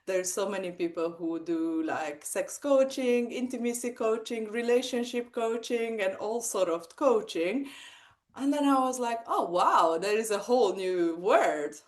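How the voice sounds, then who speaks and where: A woman's voice: a little high, a little slow. A woman in her forties from Hungary, speaking English with a Hungarian accent, telling her story animatedly in an interview with many fillers. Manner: animated, lots of fillers and acted-out quotes. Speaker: guest, sex coach and hypnotherapist. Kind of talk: casual interview chat.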